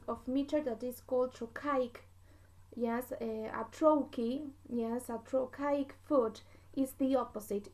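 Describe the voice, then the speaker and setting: A woman with an Argentine Spanish accent, a native Spanish speaker, lectures a class at a slow, deliberate pace. Her voice sits high, and she repeats words and checks in with the students again and again. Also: a little mellow, poor audio. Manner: patient, repeats words and checks understanding with "yes?". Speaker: literature lecturer.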